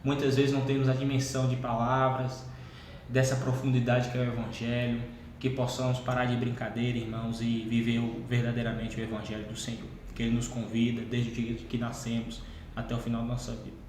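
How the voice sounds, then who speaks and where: A man's voice: medium pitch, monotone, fairly quick, darkish tone. Preaching man in an echoey room. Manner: repetitive, insistent, keeps addressing "brothers". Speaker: Bible study participant. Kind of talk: preaching-style exhortation. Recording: very echoey room, faint background hum.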